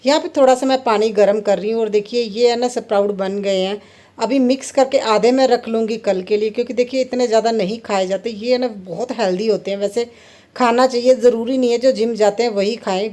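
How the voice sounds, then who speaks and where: A woman's voice: on the high side, steady tone, a little fast, dark tone. A woman in her thirties chatting to viewers while cooking in her home kitchen, laughing often as she talks. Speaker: home vlogger. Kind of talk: casual kitchen vlog narration.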